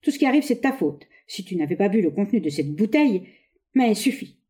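Annoyed husband, plain mellow voice, woman reading his lines. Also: mid-range voice, big pitch swings, fast talker, pitched above the performer's own voice, close to an everyday voice. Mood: impatient, exasperated. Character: exasperated husband, naturalist.

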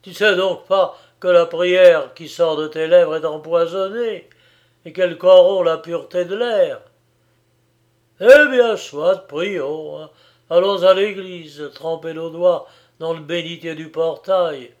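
A man reading an audiobook, voicing a furious young man who lashes out in loud, raging outbursts. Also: on the high side, fairly even intonation, slow pace, hardly any pauses, muffled recording.

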